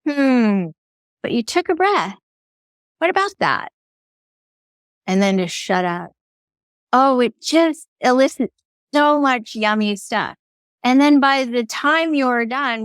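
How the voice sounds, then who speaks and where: A woman guest on an interview, talking about energy healing in a lively, playful way and often acting out voices of people she quotes. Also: medium pitch, smooth, no room sound, clean studio sound. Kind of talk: conversational interview.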